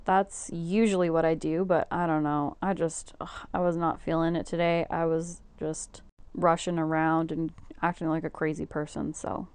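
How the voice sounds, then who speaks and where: A woman's voice: low voice, little pitch movement, normal speed, darkish tone, clear, resonant tone, dry recording. A woman who does nails, chatting through a tutorial in a casual, rambling way and laughing easily. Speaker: nail technician.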